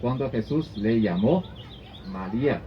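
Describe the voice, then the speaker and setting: Man pastor preaching real slow, keeps restarting phrases, muffled recording. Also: medium pitch, animated. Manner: halting, repetitive phrasing with frequent restarts. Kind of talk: sermon. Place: church service. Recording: dull lo-fi recording with faint noise.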